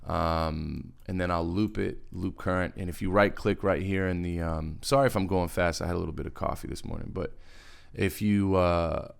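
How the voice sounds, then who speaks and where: A low, creaky yet smooth male voice walks through a casual music production tutorial, recorded indoors as a voice-over on a screen capture. His intonation stays fairly even and his pace moderate while he uses laid-back slang and wanders into asides. Music from the software plays in the background.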